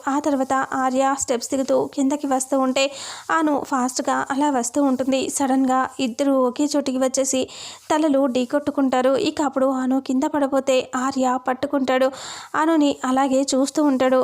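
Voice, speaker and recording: A woman with a high voice narrates a serial recap in a casual, spoken way. Her tone stays fairly level. She reads out the characters' lines herself without changing her voice much, pausing and restarting as she goes. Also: a little mellow. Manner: retells scenes, voicing quoted lines lightly, with fillers and restarts.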